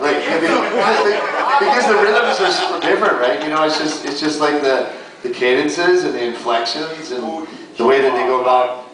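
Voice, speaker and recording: A man's voice: medium pitch, a bit bright, a little hiss or hum. A man on a convention panel, talking casually in a rambling way with many likes and restarts. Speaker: voice actor panelist. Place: large convention hall. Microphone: far audience camera. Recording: echoey hall recorded from far off.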